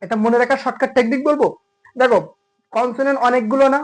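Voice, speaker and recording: Over faint background music and tinny, phone-like audio, a man with a very high, steady voice speaks fast as he gives a classroom English grammar lesson in Bengali. This tutor has a Khulna Bengali accent, explains patiently, and poses rhetorical questions to his students.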